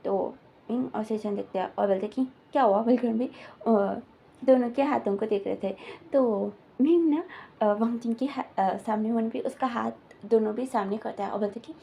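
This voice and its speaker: A woman's voice: a little high, moderate pace, creaky, dark tone. A woman casually retelling a fan story in a rambling, filler-heavy way, slipping into quoted lines.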